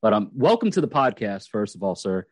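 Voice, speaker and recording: A man's voice: fairly low pitch, sing-song, brisk, no echo. A man hosting a casual podcast, rambling with many fillers and restarts. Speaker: podcast host.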